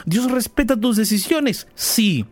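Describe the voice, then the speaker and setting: A man's voice: high voice, lively intonation, takes it slowly, no echo. A man with a Peruvian Spanish accent, a pastor giving a radio sermon, earnest, repeating phrases and asking rhetorical questions.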